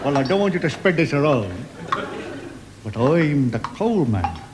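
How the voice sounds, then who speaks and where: Nonchalant, dim coal man, deadpan drawl, radio comedy, heavy background noise. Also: medium pitch, unhurried, a loud crowd. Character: nonchalant, slow-witted coal man, unbothered night intruder. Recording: very noisy archive stage recording.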